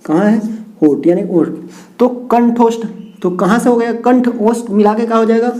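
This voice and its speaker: A man's voice: very high-pitched, fairly even intonation, moderate pace, mellow. A man teaching grammar at a board, repeating points and asking and answering his own questions. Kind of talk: whiteboard lecture with mnemonics.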